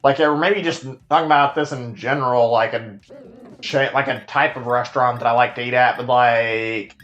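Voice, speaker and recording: A Texan game streamer chats loosely with his live-stream viewers while playing, rambling with lots of likes, fillers, and restarts as he answers chat. His Texan-accented voice is mid-range and steady, moderately paced and a bit bright, with the highs cut off.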